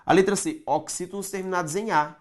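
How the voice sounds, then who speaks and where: A man with a Brazilian Portuguese accent teaching an online grammar lesson, talking straight to viewers, checking they follow and slowly stretching key words for emphasis. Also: high voice, fairly even intonation. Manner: addresses viewers directly, checks understanding often.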